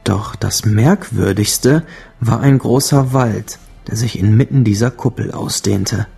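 Low, gravelly male fantasy narrator. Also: measured pace, mellow, faint music behind. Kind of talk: scripted storybook narration of fantasy audio drama.

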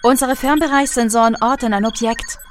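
An actress playing an alert, dutiful bridge officer giving military reports in a science fiction audio drama. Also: female voice, on the high side, steady tone, brisk, lightly acted. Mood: alert, concerned. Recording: loud music under the voice.

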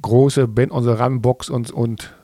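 A middle-aged man chats loosely on a podcast, wandering through his story and pausing to dig up details. His voice sits in an ordinary middle range. The recording is close and dry, with no room sound. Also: medium pitch, fairly even intonation, mellow, no echo. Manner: rambling, searching for facts as he talks. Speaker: podcast co-host, father of the host. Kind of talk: casual chat.

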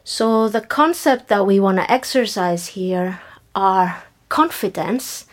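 Slow, deliberate woman leading a movement class. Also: medium pitch. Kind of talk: guided exercise class with spoken instructions.

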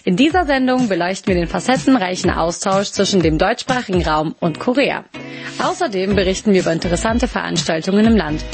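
A woman's voice: mid-range voice, expressive, fairly quick, soft background music. A woman from Germany hosting a radio interview show, reading a scripted intro and then chatting in a friendly way.

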